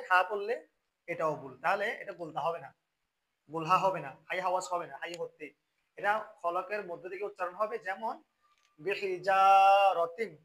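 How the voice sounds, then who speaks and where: A Quran recitation teacher with a high-pitched voice and a Bangladeshi Bengali accent. He explains each pronunciation rule in plain talk, then stretches the verses out slowly and with more force. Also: bright, forceful tone, poor audio.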